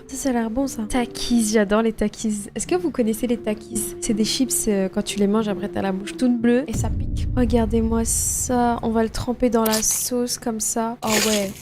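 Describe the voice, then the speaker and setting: A young woman hosting a chatty food vlog, gushing excitedly over dishes and talking straight to her viewers. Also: on the high side. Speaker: food vlogger. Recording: background music under the voice.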